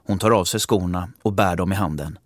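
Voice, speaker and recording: A man narrating a first-person story, calm and reflective. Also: deep voice, dry recording, clean studio sound.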